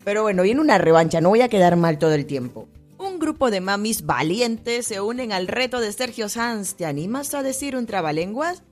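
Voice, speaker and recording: A woman's voice: mid-range voice, expressive, moderate pace, darkish tone, faint music behind. A woman hosting a children's radio program, playful and laughing as she stumbles through tongue twisters. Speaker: radio host.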